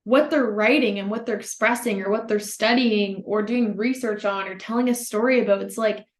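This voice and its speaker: A woman's voice: mid-range voice, steady tone, moderate pace, echoey room. A woman in her mid-twenties hosting a solo motivational podcast, talking in an earnest, upbeat way and addressing listeners directly as "you guys". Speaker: podcast host. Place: home room with a bookshelf.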